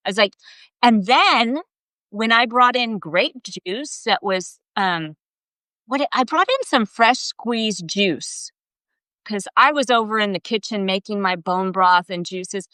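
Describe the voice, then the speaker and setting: A woman's voice: mid-range voice, lively intonation, measured pace, bright, forceful tone, no room sound. A woman hosting a casual live video chat, telling a story in an earnest, emphatic way. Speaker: host. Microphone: video call.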